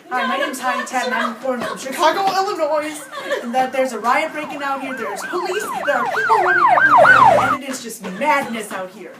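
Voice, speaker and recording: A woman playing an excitable, melodramatic field reporter in an amateur parody news report. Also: high voice, brisk, long pauses, pitched above the performer's own voice. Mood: frantic. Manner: breathless exclaiming, melodramatic. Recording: echoey distant room recording with crowd noise.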